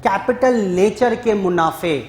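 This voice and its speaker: A man teaching accounts to a class, talking slowly with a fairly high voice. He repeats key lines and keeps asking students whether they follow. The sound is echoey, as in a bare classroom. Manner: slow, repetitive, keeps quizzing students. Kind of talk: classroom lecture.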